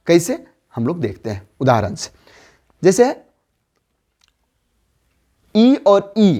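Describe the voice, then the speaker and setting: A man's voice: high-pitched, a little mellow. A man teaching a Hindi grammar lesson, drawing out each word part and putting questions to the class before answering them himself. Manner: slow, drawn-out spelling of word parts with rising questions; quizzes listeners then answers himself.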